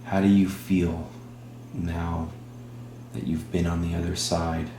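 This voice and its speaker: A man hosting a spirit box session, speaking in halting short phrases and putting questions to a spirit. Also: deep voice, flat delivery, mellow. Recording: roomy echo with humming background noise.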